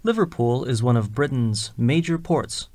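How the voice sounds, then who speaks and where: A man's voice: mid-range voice, lively intonation, normal speed, a little mellow, no room sound. A man reading scripted lines and instructions for a listening exercise, enunciating carefully and spelling out names. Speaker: exam recording reader.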